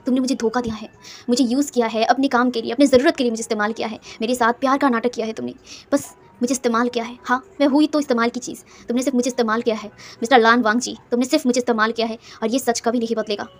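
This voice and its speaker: A woman's voice: very fast, lightly acted. Woman voicing a cold, hurt young man. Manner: low, flat, curt. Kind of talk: storybook reading.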